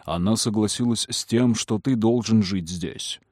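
A man playing a cold, manipulative noble father who speaks slowly and firmly. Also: lowish voice, darkish tone, no echo, clean studio sound. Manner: slow, firm, measured. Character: cold powerful aristocratic father, calm and manipulative.

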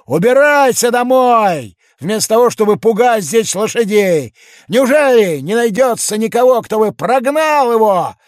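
A man voicing an irritable male cart driver who shouts angrily, in a dry studio recording. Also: high-pitched, expressive, unhurried, no room sound, voice pushed up. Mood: angry. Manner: angry shouting.

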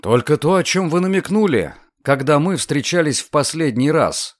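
A man voicing a young lawyer, confident and insistent, speaking in a raised, lively voice. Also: fairly high pitch, moderate pace, dry recording, studio quality, pitched above the performer's own voice.

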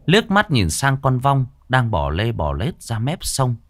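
A man's voice: medium pitch, wildly swooping pitch, a little slow, no room sound. Man telling a dramatic ghost story.

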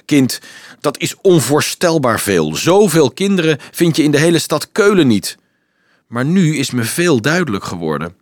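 A man's voice: a little high, dry recording, voice pushed up. A man voicing a mocking, worldly young male student in an audiobook. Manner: mocking, animated.

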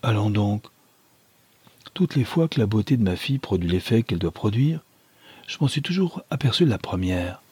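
A man voicing a vain, effusive middle-aged society mother who exclaims a lot, raising his voice higher for her, in a husky tone. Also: sing-song, moderate pace, darkish tone, dry recording, exaggerated voice. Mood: proud.

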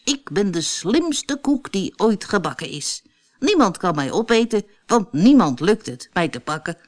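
Cocky little gingerbread man, singsong taunting, read by a woman, lively pitch. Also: unhurried. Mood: proud.

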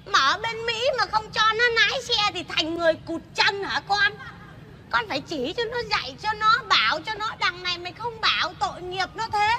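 A fussy, exclamatory old grandmother in a stage comedy sketch, speaking. Her voice sits very high and she keeps fretting and scolding. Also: lively intonation, a little fast, crowd noise.

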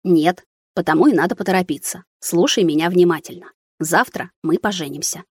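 An ardent young student, earnest and persuasive, in a lowish voice, as a woman reads him. The recording is dry and close. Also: fairly quick, a little mellow, husky, dry recording. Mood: tender, insistent.

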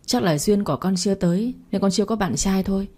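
A woman's voice: medium pitch, quick pace, mellow, close to an everyday voice. Cheeky young woman gamer, read by a woman. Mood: protesting. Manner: whiny, defensive protests.

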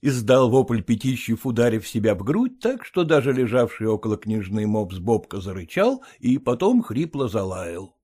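A man narrating an audiobook in a measured, expressive storytelling manner. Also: mid-range voice, husky.

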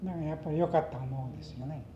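Older man, western Japanese dialect, halting storyteller with soft-edged mellow tone, muffled roomy interview tape. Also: on the high side, expressive. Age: older, retired. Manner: halting, anecdotal, mixes in English words. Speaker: oral history interviewee. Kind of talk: reminiscing in conversation. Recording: echoey, muffled, noisy interview recording.

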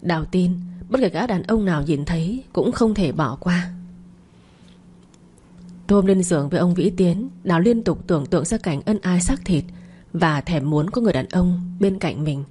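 A woman's voice: fairly low pitch, expressive, normal speed, warm tone, slight background noise. A woman narrating an audiobook story with gossipy, scolding asides.

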